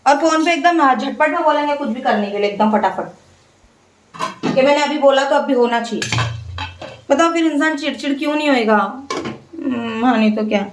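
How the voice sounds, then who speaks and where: A woman's voice: high voice, expressive, normal speed, long pauses, far from the mic. A young woman, chatting casually with her viewers while she cooks, venting and explaining as she goes. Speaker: family vlogger and mother of two. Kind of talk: casual chat while cooking. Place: home kitchen. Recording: echoey room, light background noise.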